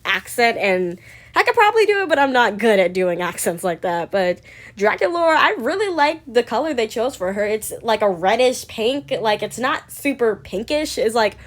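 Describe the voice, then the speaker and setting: A woman's voice: on the high side, very animated, moderate pace. A young woman talks through a doll review in a loose, casual chat. She rambles, hesitates and restarts often. She gives her opinions candidly. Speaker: doll collector vlogger.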